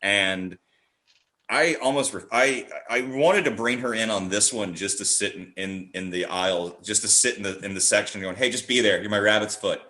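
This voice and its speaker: Pitched fairly low, his voice sounds pushed and bright as he talks at a normal speed. He's a horror theatre director guesting on a podcast, rambling with enthusiasm through casual chat and performing little quotes, recorded in an echoey room.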